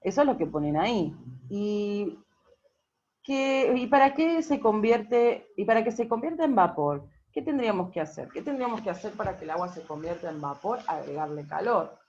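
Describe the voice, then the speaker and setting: A woman's voice: medium pitch, big pitch swings, a little fast, hardly any pauses, a little mellow. A woman teacher explains a worksheet patiently, checking in often with the class. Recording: dull lo-fi recording.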